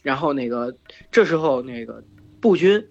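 A hoarse man hosting a podcast, retelling an epic in casual chat, full of fillers and restarts. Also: medium pitch, expressive, moderate pace. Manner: rambling with many fillers and restarts. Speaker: podcast host retelling myths. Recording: dull lo-fi podcast recording with faint music.

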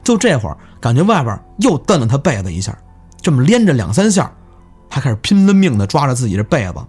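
A man telling village ghost stories in casual chat, animated and swearing in surprise. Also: mid-range voice, fast talker, slightly rough, soft background music. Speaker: guest storyteller. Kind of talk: casual spooky storytelling.

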